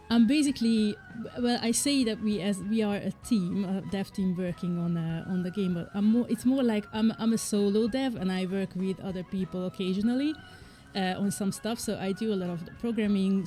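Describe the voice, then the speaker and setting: A Hungarian indie game developer now living in the UK chats casually on a livestream from home, her mid-range voice warm. She uses frequent fillers and laughs lightly.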